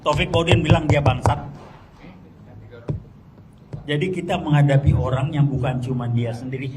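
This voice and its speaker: An older man gives a fiery public speech, blunt, slangy and combative, with sharp bursts of emphasis. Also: a little high. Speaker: speaker at a public gathering. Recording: speech with crowd noise behind. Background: crowd noise.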